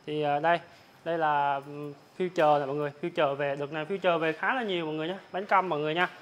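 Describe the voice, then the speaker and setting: Male, young, southern Vietnamese accent. Hard-sell price patter, extremely quick, repetitive and informal. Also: a little high, steady tone, a bit bright. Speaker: motorbike salesman. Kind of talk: hard-sell sales pitch, listing prices. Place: large open-sided motorbike warehouse. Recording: clear ambient noise of open warehouse.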